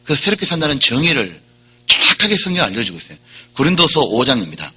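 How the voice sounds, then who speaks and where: Brief: male pastor, bright, forceful tone, lively swinging pitch, emphatic preaching. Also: fast, breathy edge. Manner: animated, emphatic, rising to loud repeated appeals. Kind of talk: sermon.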